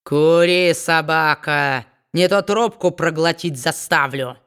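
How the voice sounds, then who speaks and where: A woman's voice: deep voice, slow pace, a bit bright, clear, resonant tone, heavily acted. A woman voicing a spiteful, gloating male dwarf moneylender who bullies and mocks with false sweetness. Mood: barking. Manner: sneering, bullying, mock-sweet.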